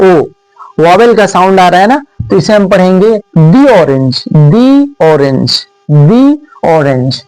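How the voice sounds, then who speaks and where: A man with a Hindi accent teaches a spoken English lesson in a high voice, taking his time and drawing each example word out slowly. He asks his viewers questions as he goes, and the recording is dry and close, with no room echo. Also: a little mellow. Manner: explains step by step, repeats example words slowly.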